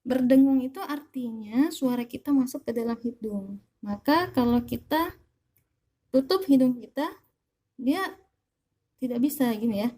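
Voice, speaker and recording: Female Indonesian-accented recitation instructor, unhurried and very mellow, over-enunciating every syllable for learners. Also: high-pitched. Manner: over-enunciating, deliberately stretched and stressed syllables. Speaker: Quran reading teacher. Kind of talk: slow instructional lesson with recitation demonstrations.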